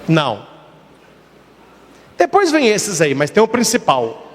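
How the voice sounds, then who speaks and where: A priest preaches in a high, lively voice, firing rhetorical questions and repeating his points for emphasis. His pitch leaps around as he talks. A long reverb trails behind him. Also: slow. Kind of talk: sermon.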